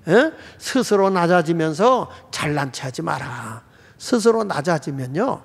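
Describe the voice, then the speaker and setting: High, gravelly pastor preaching. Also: male voice. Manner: storytelling preacher, rhetorical questions. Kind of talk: sermon. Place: church sanctuary. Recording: reverberant church hall.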